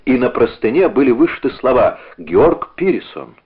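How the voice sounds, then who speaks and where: A man voicing a tormented young man bent on revenge, confessing in halting, intense bursts. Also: mid-range voice, very animated, slightly rough, pitched above the performer's own voice. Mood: grim. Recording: narrow phone-like audio.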